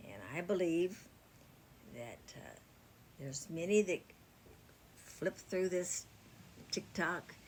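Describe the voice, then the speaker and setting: A woman's voice: deep voice, a little hiss or hum. An older woman from South Carolina, earnestly telling a faith story in a folksy, casual way. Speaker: TikTok creator sharing a faith story. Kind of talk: casual spoken testimony.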